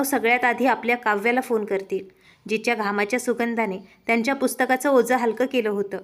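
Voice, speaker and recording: A woman narrating an emotional first-person story in an earnest, heartfelt manner. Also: a little high.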